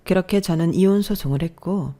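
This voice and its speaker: A woman narrating a scripted first-person story in a brisk, matter-of-fact way. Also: lowish voice, dark tone.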